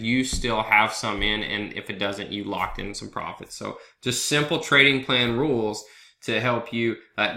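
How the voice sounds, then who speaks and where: Sniffling a little from a head cold, this man talks through stock charts on his own video blog, his lowish voice bright and forceful in a reverberant space. As a trader doing a casual chart walkthrough over a screen recording, he stays loose and chatty, tossing in fillers and asides such as "right?".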